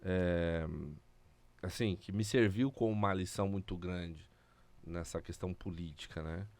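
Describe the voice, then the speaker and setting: A man's voice: sits low, a little slow, no echo. A man, a podcast host, telling a story in casual conversation, loose and full of fillers. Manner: relaxed storyteller with fillers like "enfim", "e tal".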